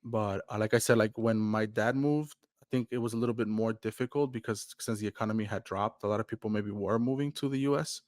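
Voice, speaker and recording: Young male co-host, low voice, dry close sound, easygoing rambling talker. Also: fairly even intonation, fast talker, hardly any pauses, no room sound. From Mexico. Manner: laid-back, rambling with many fillers. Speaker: podcast co-host. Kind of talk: casual chat.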